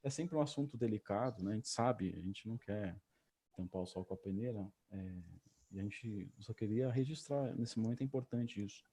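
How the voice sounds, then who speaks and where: A man's voice: lowish voice, normal speed, dark tone, breathy edge. A man, an official giving hesitant remarks full of fillers at a public hearing over a video call. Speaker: tourism agency official.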